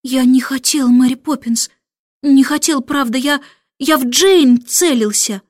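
A woman doing a young boy, wheedling and high. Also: a little slow, darkish tone, no echo, clean studio sound. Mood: pleading. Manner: wheedling, then pleading. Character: young boy, mischievous and pleading.

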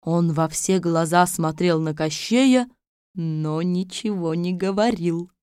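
A woman narrating a fairy tale audiobook in a calm, even storytelling manner. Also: on the low side, takes it slowly, smooth, no room sound, studio quality.

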